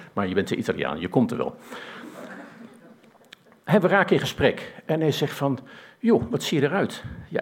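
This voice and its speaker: A man with a mid-range, breathy-edged voice tells an audience a personal story. He speaks plainly and conversationally, hesitating and restarting often.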